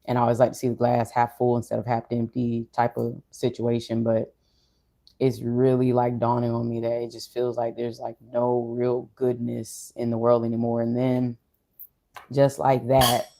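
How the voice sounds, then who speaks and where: In a relaxed monologue of personal reflections, this vlogger or streamer speaks in a dark, mellow mid-range voice that barely moves melodically. Everything comes out totally flat, quiet in energy, unhurried and fried at the edges.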